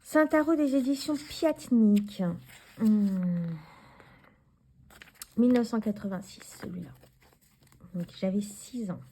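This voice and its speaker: A woman's voice: on the high side, takes it slowly, long pauses, dark tone. Chatty French woman reviewing tarot decks. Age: 40s. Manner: chatty, rambling, many fillers and restarts; talks to the viewer directly, handling cards. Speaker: tarot YouTuber. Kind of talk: casual deck review vlog.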